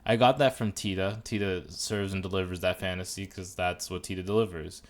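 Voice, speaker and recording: Deep-voiced and a little fast, a man co-hosts a podcast reviewing a TV show. His casual chat wanders through jokes and opinions, punctuated by animated asides.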